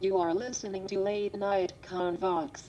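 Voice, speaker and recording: A synthetic female text-to-speech voice, a computer robot voice reading a station ident in a flat, evenly spaced way. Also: mid-range voice, measured pace, slight background noise. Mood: robotic. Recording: dull lo-fi computer speaker played into the mic.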